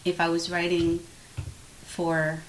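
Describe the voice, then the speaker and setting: In a completely flat delivery, a Moroccan author with Arabic as her first language responds to questions about her writing, her voice somewhat low and her pace measured as she loops back to restart phrases. The recording is low quality, with a faint hiss underneath.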